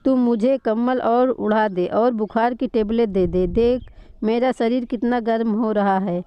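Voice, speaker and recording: A woman reading the part of a worried, gentle young woman, the elder sister, in a family story. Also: fairly high pitch, steady tone, measured pace, smooth, dry recording, lightly acted. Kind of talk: storytelling read-aloud. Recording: dull lo-fi recording.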